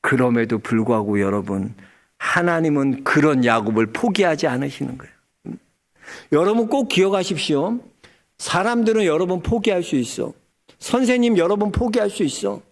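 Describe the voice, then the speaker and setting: A man's voice: on the high side, normal speed. A male pastor preaching a Sunday sermon, telling stories and acting out dialogue as he speaks straight to the congregation. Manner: animated storytelling, acts out dialogue, addresses congregation directly.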